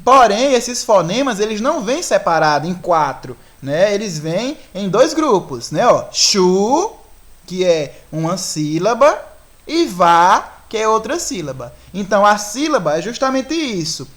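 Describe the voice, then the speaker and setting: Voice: medium pitch, very animated, moderate pace. A teacher with a Brazilian Portuguese accent, explaining a grammar lesson step by step and often asking the class whether they follow.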